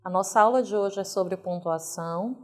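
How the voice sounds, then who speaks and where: A woman teacher with a Brazilian Portuguese accent, giving a recorded video lesson and reading example sentences slowly with careful emphasis. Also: medium pitch.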